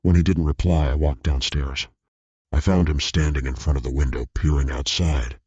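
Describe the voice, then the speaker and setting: Man, horror story narrator, very deep, husky, dry sound, dull lo-fi recording. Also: moderate pace, dry recording. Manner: steady, tense storytelling.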